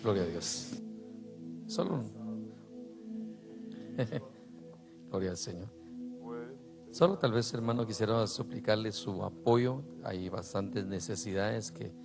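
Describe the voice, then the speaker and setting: Lowish-voiced guy doing church announcements, asks for prayer kinda humbly, music playing clearly behind. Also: lively intonation, takes it slowly, pauses often. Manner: earnest, asks humbly for support. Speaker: church minister giving announcements.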